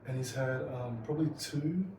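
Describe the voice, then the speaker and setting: Male podcast interviewer, New Zealand accent, soft dark tone, informal and matey, off the mic with slight noise. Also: medium pitch, moderate pace. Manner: informal, matey, often saying bro. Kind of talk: casual interview chat. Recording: roomy echo, distant mic, faint noise.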